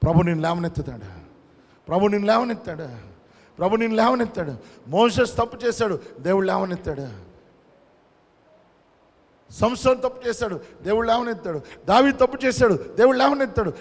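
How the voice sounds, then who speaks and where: A man's voice: sits high, animated, a little fast, long pauses, big-room sound. A male pastor preaching a sermon with emphatic repetition, switching between his own language and short English phrases.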